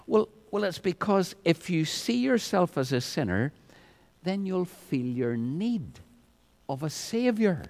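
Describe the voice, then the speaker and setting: Guy preaching, slow, doubles up words, voice swings up and down a lot. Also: a little high. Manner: repeats words at phrase starts, rising to loud peaks. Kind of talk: evangelistic sermon.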